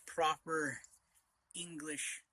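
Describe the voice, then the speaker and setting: A middle-aged man in a casual, rambling vlog chat, speaking in short, leisurely phrases with pauses, outdoors on a front deck. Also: a little high, steady tone, bright, forceful tone. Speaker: vlogger.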